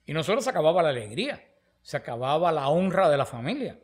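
He's a preacher whose fairly high voice moves fast. Teaching on scripture in a conversational tone, he tells stories with energy and dramatizes what the characters say.

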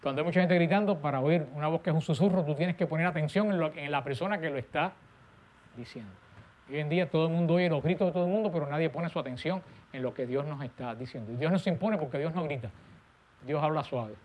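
Guy preaching, kinda high voice, punches words then goes quiet. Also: fast talker, highs cut off. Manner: emphatic, drops to a soft low voice at phrase ends. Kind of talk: sermon.

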